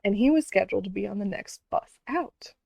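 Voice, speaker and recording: A woman's voice: medium pitch, lively intonation, brisk, vocal fry, a little mellow, slightly rough, no echo. A woman vlogger telling a story in a casual, earnest way, with many fillers and restarts.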